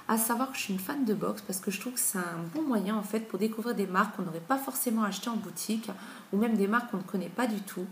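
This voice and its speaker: A woman's voice: medium pitch, fast talker. A woman in her thirties giving a casual, chatty review of beauty products, with plenty of fillers. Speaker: beauty vlogger. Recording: echoey room with faint noise.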